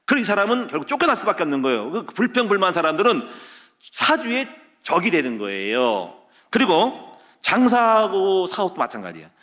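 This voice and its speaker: A man's voice: high-pitched, brisk. A man preaching a sermon as pastor, telling stories and acting out the quoted lines. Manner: lively storytelling with acted-out quotes.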